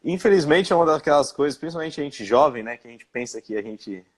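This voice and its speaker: A man's voice: fairly high pitch, lively intonation, fast. Hesitant young man telling his story. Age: young adult. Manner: hesitant, many fillers and restarts. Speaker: interviewed guest. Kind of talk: live-stream interview, personal account.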